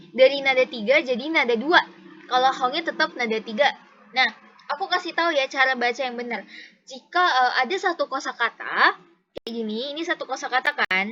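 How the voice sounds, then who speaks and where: A woman's voice: sits high, pushed and bright, muffled recording. A woman teaching a casual one-on-one language lesson over a video call, explaining patiently step by step and repeating examples. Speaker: Mandarin tutor.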